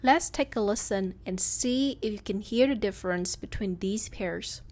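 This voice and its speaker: A woman with a Southern Vietnamese accent teaching pronunciation in a scripted lesson, reading sounds out slowly one by one. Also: mid-range voice, darkish tone. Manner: slow, careful, reads sounds out one by one. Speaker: language teacher.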